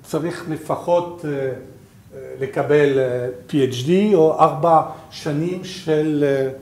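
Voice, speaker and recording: Halting French-accented man, slightly high voice. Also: a little mellow. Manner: halting, searching for words. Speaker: programme director presenting to researchers. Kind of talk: informal slide presentation.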